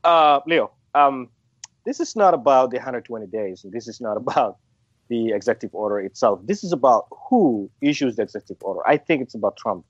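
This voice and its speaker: A man's voice: mid-range voice, lively intonation, fairly quick, breathy edge, dry recording. Somali man, hesitant, on a muffled line. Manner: hesitant, many restarts and fillers. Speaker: interviewee. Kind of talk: phone interview.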